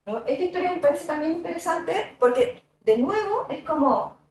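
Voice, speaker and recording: A woman's voice: very high-pitched, big pitch swings, moderate pace, darkish tone, recorded from a distance, a little hiss or hum. Woman lecturing in an echoey room. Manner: thoughtful, conversational, many fillers and tag questions. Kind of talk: university lecture.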